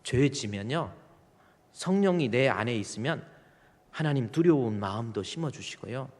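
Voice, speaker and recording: A man's voice: medium pitch, expressive, normal speed, a little mellow. A man preaching a sermon as pastor, building to emphatic repeated lists and acting out inner voices. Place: church sanctuary. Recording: long reverb of a church hall.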